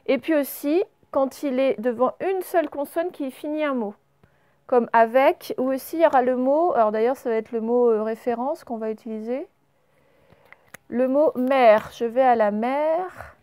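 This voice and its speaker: A French-accented woman teaching a recorded spelling lesson to young children, patient and clear, drawing out each example word. Her voice sits a little high and sounds close and dry, with no room around it. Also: warm tone, no echo. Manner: patient, slow and clear, stretching out example words. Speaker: primary school teacher.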